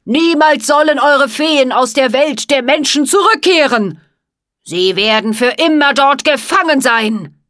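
Woman voicing a shouting, furious ice wizard. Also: high-pitched, a little slow, no echo, clean studio sound, voice pushed up. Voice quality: cutting, shouting.

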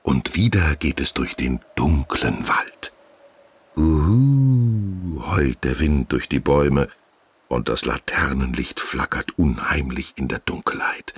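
Deep, slow, husky storybook narrator. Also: male voice, no echo. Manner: expressive storytelling. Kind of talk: children's audiobook narration.

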